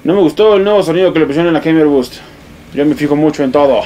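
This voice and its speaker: A young man with a Mexican accent giving excitable, swear-filled let's play commentary, yelping and exclaiming as he plays. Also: a little high, racing, a little hiss or hum. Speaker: gamer.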